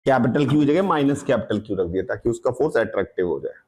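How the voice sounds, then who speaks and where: A man's voice: mid-range voice, expressive, quick pace, darkish tone. A man teaching a physics lecture in mixed Hindi and English, explaining step by step and often checking that students follow. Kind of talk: classroom lecture.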